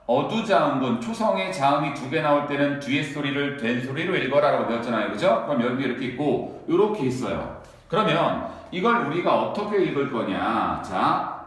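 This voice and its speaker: Lively male teacher in an echoey room. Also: mid-range voice. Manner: keeps asking students quick rhetorical questions. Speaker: Korean language teacher. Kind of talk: classroom lecture to students.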